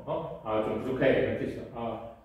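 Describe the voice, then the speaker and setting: A man's voice: medium pitch, normal speed, gravelly, a little mellow, recorded from a distance. A man teaching an English vocabulary lesson, spelling words out letter by letter and having students repeat after him. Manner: talks to students, asks them to repeat; self-mocking when he gets confused. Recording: very echoey room, voice from away from the mic.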